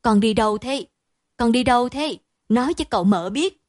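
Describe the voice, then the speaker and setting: A woman's voice: a little high, expressive, moderate pace, a little mellow, no room sound, clean studio sound, natural voice. A woman voicing a tearful, worried father who pleads with his returned son, in her own voice. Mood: pleading.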